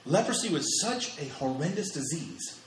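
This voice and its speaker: A man's voice: on the high side, big pitch swings, normal speed, slight background noise. A man in his thirties preaching a sermon, emphatic and repeating phrases for stress. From United States. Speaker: pastor. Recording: echoey hall with faint ambience.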